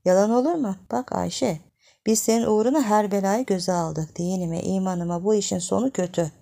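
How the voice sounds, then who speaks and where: A jealous young village man scolds and demands in a gruff, rough manner, voiced by a woman reader. His lines come out gravelly and dark, pushed a little louder than the surrounding narration. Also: mid-range voice, normal speed, lightly acted. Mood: demanding.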